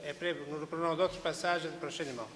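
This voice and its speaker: A man's voice: fairly high pitch, steady tone, fast, a bit bright. A man moderating a conference session, giving speakers directions in an organizing way with a few restarts. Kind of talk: chairing a session. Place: large conference hall. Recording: echoey hall, faint hiss.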